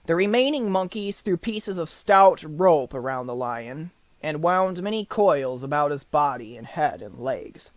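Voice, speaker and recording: A man with a fairly high voice reads a storybook audiobook in measured, neatly phrased sentences. The recording is extremely dry, with no room sound at all.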